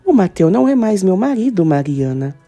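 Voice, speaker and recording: Uma mulher lendo as falas de uma jovem brava e desafiadora, com réplicas ríspidas e desdenhosas. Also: female voice, medium pitch, big pitch swings, brisk, warm tone, soft background music. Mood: defiant. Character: fiery young Brazilian woman, defiant.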